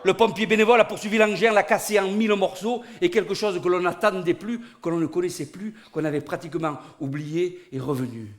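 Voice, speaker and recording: A man telling a comic story in an animated way, full of sound effects. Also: sits high, brisk, few pauses. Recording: studio recording.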